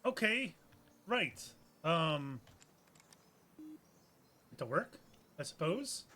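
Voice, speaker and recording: A man's voice: a little high, big pitch swings, extremely slow, bright, forceful tone. A man giving let's play commentary, thinking aloud in a hesitant, musing way with frequent restarts. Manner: musing, hesitant, self-correcting. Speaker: gameplay streamer.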